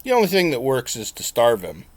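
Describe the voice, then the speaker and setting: A man's voice: mid-range voice, wildly swooping pitch, a little fast. A man voicing a mother with a dry, wry way of talking.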